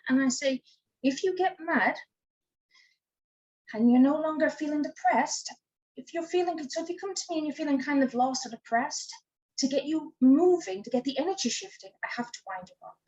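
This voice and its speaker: A woman's voice: high voice, breathy edge, lo-fi sound. A woman life coach answering interview questions, telling stories by acting out what she said to her clients. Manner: tells stories by acting out her own past dialogue.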